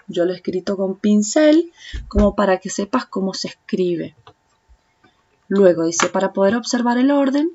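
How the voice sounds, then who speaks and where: A woman with a Rioplatense Spanish accent walks through a language lesson at an unhurried pace, patiently repeating each sound for the viewer. Her voice sits at a middle pitch. The audio is a little dull and lo-fi. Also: a little mellow, slight background noise. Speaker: Chinese language teacher. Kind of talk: slow step-by-step tutorial explanation.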